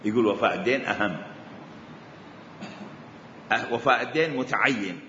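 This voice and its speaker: A man's voice: mid-range voice, fairly quick, pushed and bright. A man with an Iraqi Arabic accent teaching religious law, firing off repeated rhetorical questions. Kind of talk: jurisprudence lecture. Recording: echoey hall, dull lo-fi sound, faint hiss.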